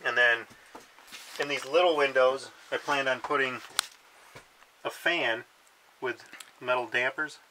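A man's voice: mid-range voice, steady tone, unhurried, pauses often, noisy background. A man explaining, in a practical, matter-of-fact way, how he will fix up an old camper, speaking by and inside it. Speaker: friend describing his repair plans. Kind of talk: casual explanation.

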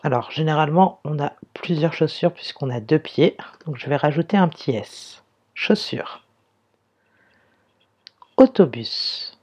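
A primary school teacher giving a slow, careful reading lesson to young pupils, sounding out and spelling words one by one. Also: medium pitch, lively intonation, darkish tone, breathy edge.

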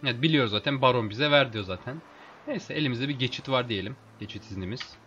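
A man talks through his game session in a loose, friendly way, speaking to his viewers like old friends. His pitch sits in the middle of the range, and it turns excited when a fight breaks out. Soft game music plays under his voice. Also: fast, highs cut off. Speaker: let's play host. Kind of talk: casual gameplay commentary.

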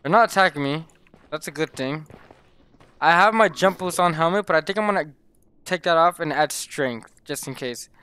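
A young man casually commenting while he plays, excitable and talking straight to his viewers, often exclaiming in surprise. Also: a little high, moderate pace, clean tone. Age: young adult. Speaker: gaming YouTuber. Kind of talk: casual Let's Play commentary.

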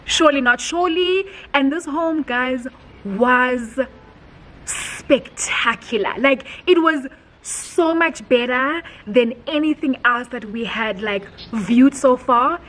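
A young woman tells a story in a casual sit-down home vlog, animated and heartfelt, with many filler words. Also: sits high, takes it slowly, rough recording. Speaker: vlogger. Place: home, indoors.

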